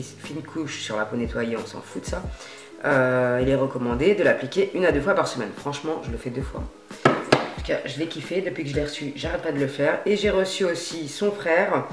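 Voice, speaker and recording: A woman chats away in loose, slangy street talk as she films herself dyeing her hair at home at night, poking fun at herself as she goes. Her voice carries a roomy echo. Faint music plays behind her. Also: low-pitched. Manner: slangy, chatty, self-mocking. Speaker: beauty vlogger. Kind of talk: casual vlog chat while dyeing her hair.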